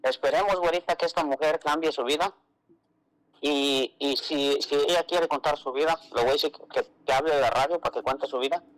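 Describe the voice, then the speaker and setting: A man's voice: fairly high pitch, fairly quick, low-quality recording. A man co-hosting a radio show, telling a story in a casual chatty way and quoting others. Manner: storytelling, quotes others, calls co-host "güerita". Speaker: radio co-host.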